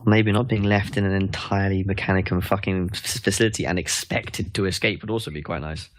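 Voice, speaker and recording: A man's voice: low voice, fairly even intonation, fairly quick, dry recording. A man playing a tabletop game in a casual way, arguing rules and swearing now and then. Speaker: player.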